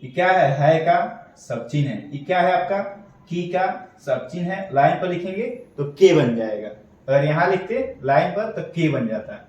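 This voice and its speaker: A man teaching an online steno class, slowly spelling out letters and signs one by one. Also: fairly high pitch, lively intonation, a little mellow. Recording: echoey dull room audio, mic far off.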